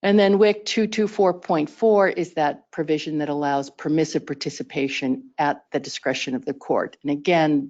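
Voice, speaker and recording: Presenter at a staff training: mid-pitched, measured and explanatory, recorded on a dull, lo-fi track. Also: creaky, a little mellow. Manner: measured, explanatory, with occasional fillers.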